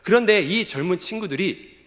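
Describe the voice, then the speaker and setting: Lively high-voiced male pastor preaching. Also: moderate pace. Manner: conversational preaching, rhetorical questions to the congregation. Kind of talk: sermon to a youth service. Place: church sanctuary. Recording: echoey church hall.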